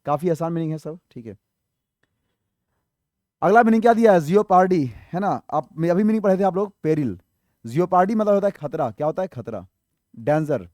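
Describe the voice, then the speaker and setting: High-voiced man teaching vocabulary. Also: animated, fairly quick, long pauses, darkish tone, no room sound, clean studio sound. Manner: explains word by word, asks the viewers questions and answers them himself; spells words out letter by letter. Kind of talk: exam-prep vocabulary lesson.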